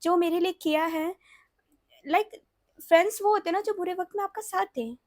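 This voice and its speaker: A young woman tells a personal story in a casual vlog, with a very high voice. She chats freely, mixes English phrases into her Hindi and repeats words as she goes. Her voice sounds dry and close. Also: normal speed, no room sound. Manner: repeats words, often checks in with the listener. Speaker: storytime vlogger.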